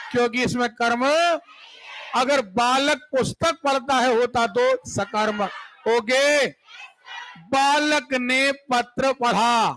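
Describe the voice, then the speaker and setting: A man's voice: very high-pitched, fairly bright tone, rough recording. A man teaching a Hindi grammar lesson for exam preparation, with a Madhya Pradesh Hindi accent, casual and joking, who keeps asking his students whether they have understood. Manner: asks students frequent check questions.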